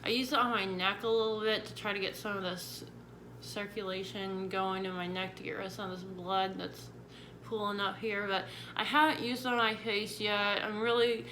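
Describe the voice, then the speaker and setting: Speaking at normal speed in a steady, bright and forceful medium-pitched voice, a vlogger gives her viewers tips one week after jaw surgery. She keeps it informal and chatty, but the recording is low quality with clear background noise.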